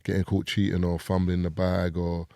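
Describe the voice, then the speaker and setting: A man's voice: low-pitched, moderate pace, dry recording, clean studio sound. A man, a podcast guest chatting casually and easily. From England. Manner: relaxed, says "do you know what I'm saying". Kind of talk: casual chat.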